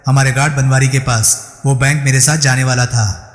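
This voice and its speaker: Brief: male narrator playing a scared young captive, stammering, raised pitch, reverberant room. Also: fairly even intonation, moderate pace, close to an everyday voice. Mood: frightened. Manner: stammering, panicked. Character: terrified young male bank clerk hostage. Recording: echoey room with long reverb.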